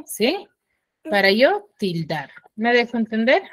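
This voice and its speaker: Brief: schoolteacher on a video call, bright raised voice, dry close sound, keeps quizzing. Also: female voice, on the high side, sing-song, slow, no echo. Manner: drills students with repeated questions. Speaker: teacher. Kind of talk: online class teaching.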